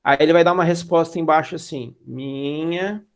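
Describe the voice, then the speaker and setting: This instructor, a man with a fairly high voice and a Brazilian Portuguese accent, delivers an introductory programming lecture at a normal pace. He teaches casually, checks in with the students, and tosses in slang here and there.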